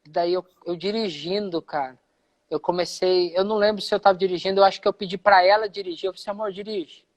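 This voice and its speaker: A man's voice: high voice, fairly even intonation, fast talker. A man with a Brazilian Portuguese accent, a pastor giving a personal testimony in a live conversation, who acts out the dialogue he quotes.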